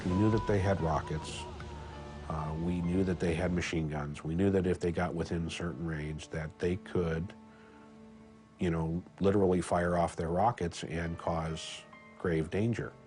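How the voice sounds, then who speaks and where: A man's voice: low-pitched, steady tone, unhurried, darkish tone. A man, a former navy crew member, recalling events in a documentary interview. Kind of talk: interview recollection. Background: music.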